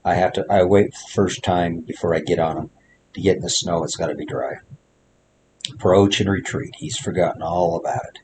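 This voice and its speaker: A man's voice: sits low, fairly quick. A male horse trainer gives plainspoken commentary while working a horse outdoors in the snow, repeating short coaching phrases. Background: wind.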